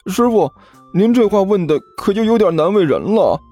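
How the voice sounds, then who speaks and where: A man's voice: on the high side, very animated, measured pace, dark tone, soft background music, voice pushed up. A male narrator voicing a meek young male apprentice who stammers and answers hesitantly in an audiobook story.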